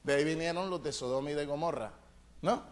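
A male pastor preaching a fiery sermon, emphatic, calling on the congregation to answer back and rising to loud shouted peaks. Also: a little high, quick pace. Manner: emphatic, calls for congregation responses.

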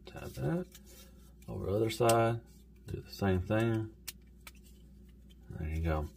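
A man with a Southern US accent talks through a toy review in a relaxed, rambling way. His voice sits a little low, and he drops in a folksy "y'all" and "golly" now and then. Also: slow, creaky, a little hiss or hum.

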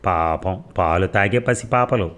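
A man's voice: deep voice, measured pace, a bit bright. A man voicing a brash young woman in a story, teasing and scolding in turn. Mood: mocking.

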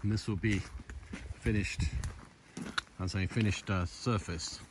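A middle-aged man filming a casual video diary on his farm. He explains each step, pausing and correcting his own words. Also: lowish voice, steady tone, noisy background. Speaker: farm restorer vlogging his progress. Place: old stone barn and farmland, outdoors. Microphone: phone camera at arm's length.

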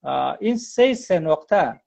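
A man, a guest scholar on a live online interview, explains at length in a halting way, often pausing on a drawn-out "uh". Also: fairly high pitch, animated, gravelly, darkish tone. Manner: halting, with frequent drawn-out "uh" pauses. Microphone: phone or computer on a live video call. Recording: dull lo-fi livestream audio.

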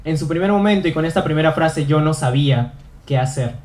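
On an auditorium stage, a young adult student speaker from Peru gives an earnest motivational talk, repeating phrases for emphasis. His voice is on the high side, brisk and darkish in tone.

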